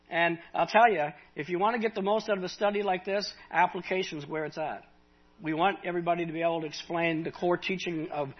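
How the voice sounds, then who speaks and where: A middle-aged man talking casually about a Bible study in a folksy, halting way, often restarting his sentences. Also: sits high, husky. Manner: folksy, halting, restarts a lot, tells personal anecdotes. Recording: dull lo-fi recording.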